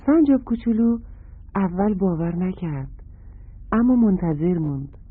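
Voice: medium pitch, lively intonation, husky, dry recording. A storyteller narrating a children's story and fondly addressing the young listeners. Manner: gentle, fond address to children. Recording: tinny phone-like radio sound, dry.

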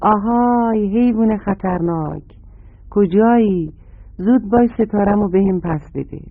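A cross little squirrel child shouts his demands in a children's radio tale, voiced by the storyteller. His scolding is insistent and the sound is thin and phone-like. It is very dry, with no room around it. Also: medium pitch, lively intonation, dry recording, natural voice. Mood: angry.

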